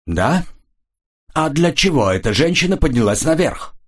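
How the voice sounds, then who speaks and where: A man's voice: sing-song, moderate pace, breathy edge. Man doing a furious hot-headed Polish gunman. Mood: suspicious. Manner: shouting, accusing, raised pitch.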